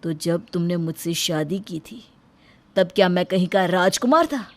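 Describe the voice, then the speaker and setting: A woman voicing a kind, devoted young husband who works as a humble peon, in an earnest and gentle manner. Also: lowish voice, moderate pace, faint music behind, natural voice. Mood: hurt. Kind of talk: Hindi storybook voice acting.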